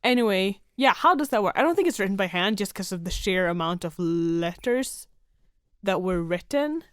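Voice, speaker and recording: A woman's voice: medium pitch, animated, normal speed, clear, resonant tone, dry recording, clean studio sound. A woman co-hosting a podcast, chatting casually and animatedly with a co-host and swearing freely. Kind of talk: casual chat.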